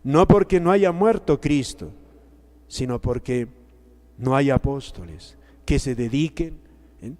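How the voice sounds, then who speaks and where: A male priest giving a sermon, preaching slowly and emphatically, repeating key words with pauses between phrases. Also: medium pitch, lively intonation, darkish tone. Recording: long hall reverb.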